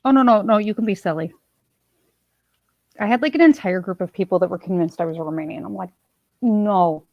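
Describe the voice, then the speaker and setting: Creaky-voiced woman hosting a casual stream. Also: medium pitch, fairly quick, dry recording, lo-fi sound. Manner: chatty, chuckling, trailing off mid-sentence. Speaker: livestream host. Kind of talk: casual livestream chat.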